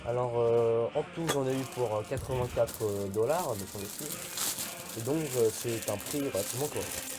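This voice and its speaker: A man's voice: medium pitch, normal speed, background noise. A young man presenting an unboxing video in a casual, hesitant way, with many fillers. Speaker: YouTuber unboxing militaria. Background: background music.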